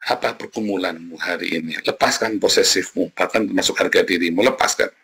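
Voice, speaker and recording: A man preaching a sermon as pastor, animated and dramatic, often turning to address his listeners directly. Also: deep voice, brisk, slightly rough.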